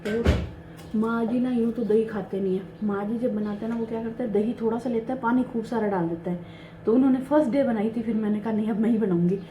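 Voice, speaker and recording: A woman in her thirties narrating her daily home chores in a soft, hushed voice-over, chatty and confiding. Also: fairly high pitch, fairly even intonation, brisk, noisy background. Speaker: home vlogger. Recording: roomy home voice-over with faint ambience.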